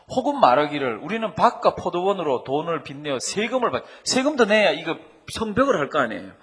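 Lively husky-voiced male preacher. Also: a little high. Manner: animated, asks the congregation questions. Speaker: pastor. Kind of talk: sermon.

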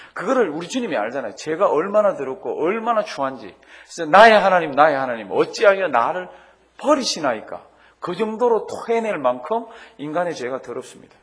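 Pastor, male, lively sermon delivery, voice rises and falls widely, slightly higher register. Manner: lively preaching, leading the congregation in reading and asking them questions; calls out the scripture cries loudly.

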